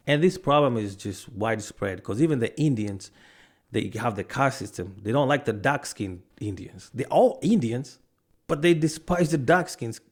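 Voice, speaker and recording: A man from Africa giving a ranting monologue to camera, arguing hard and firing off one rhetorical question after another. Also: mid-range voice. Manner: argumentative, fires off rhetorical questions; stops to check notes mid-rant, with restarts. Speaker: video commentator.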